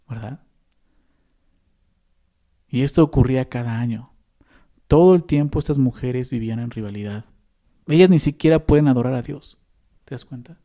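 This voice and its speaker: A Mexican-accented man preaches a sermon in a conversational way. He keeps checking in with the listeners through quick tag questions. His voice is warm and mellow at a mid pitch. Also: creaky. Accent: Mexican Spanish. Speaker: pastor.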